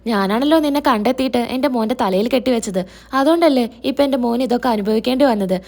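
A woman's voice: fairly high pitch, fast talker, gravelly, a little mellow. A woman voicing a stern grandmother who scolds her family in a reproachful way. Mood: scolding.

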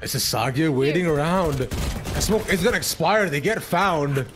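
A man's voice: on the high side, normal speed. A man casting an esports match in a playful, joking way, often breaking off mid-sentence, over noisy stream audio. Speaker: esports caster. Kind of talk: casual play-by-play commentary.

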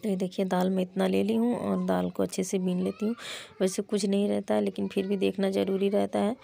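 Plain-spoken young mother, flat gravelly voice. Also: medium pitch, a little fast. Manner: plain, chatty, repeats "to" as a filler. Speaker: mother vlogging her household day. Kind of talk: casual cooking vlog narration. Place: small home kitchen.

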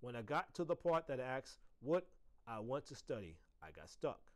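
A man's voice: mid-range voice, sing-song, moderate pace, close to an everyday voice. A man reading aloud, voicing a friendly adult male school custodian who doubts himself. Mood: unsure. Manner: friendly, wavering, unsure of himself.

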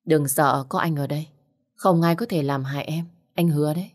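Woman voicing a gentle protective lover. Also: low-pitched, a little fast. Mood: tender. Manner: soothing, reassuring.

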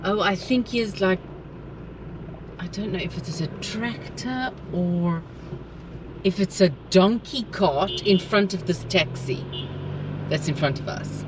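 A woman's voice: mid-range voice, a little slow, long pauses, noisy background. A middle-aged South African woman chatting casually on a travel vlog in a car, often repeating her phrases. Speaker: travel vlogger. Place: inside a moving car. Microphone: action camera held in hand. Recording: in-car recording, somewhat distant mic.

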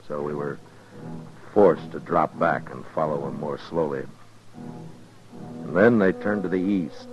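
Very deep-voiced frontier marshal. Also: male voice. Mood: grave narration. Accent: American. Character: steady, determined frontier US marshal. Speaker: lead actor and narrator of radio western. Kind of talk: 1950s radio drama acting. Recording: muffled, noisy 1950s radio recording.

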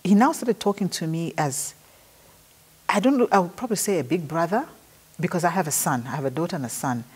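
This middle-aged woman, Zambian-accented and giving a tribute interview, tells anecdotes about a trip and performs the quoted dialogue. Her fairly low voice is expressive, a little mellow and slightly rough, and she talks a little fast.

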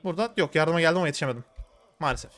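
A man giving live commentary on his own gameplay, talking to viewers in an excitable, slangy way. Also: fairly high pitch, very fast, a little hiss or hum. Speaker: gaming streamer.

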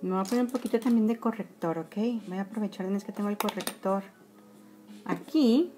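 A woman's voice: medium pitch, a little fast, warm tone, slight background noise. A woman in her forties with a Mexican accent, chatting through a live makeup tutorial from a small room, talking straight to her viewers. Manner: chatty, addresses viewers as girls, trails into whispers while applying makeup. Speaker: makeup vlogger. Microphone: phone or webcam at close range.

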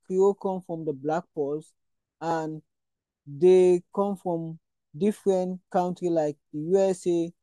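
A woman gives a language lesson at an unhurried pace. Her voice is soft-edged and dark, in a close, dry recording. She speaks deliberately, repeating items for learners. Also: deep voice, no echo, low-quality recording. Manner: deliberate, repeats words and spells them out. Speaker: language teacher and channel host. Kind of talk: slow vocabulary lesson with repetition.

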